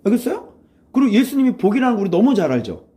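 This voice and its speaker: A male pastor gives a morning sermon, his voice dark and mellow. His pitch swings widely as he poses rhetorical questions and briefly acts out the voices he quotes. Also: quick pace. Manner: animated, conversational preaching with rhetorical questions; acts out quoted voices, switches to blunt informal speech.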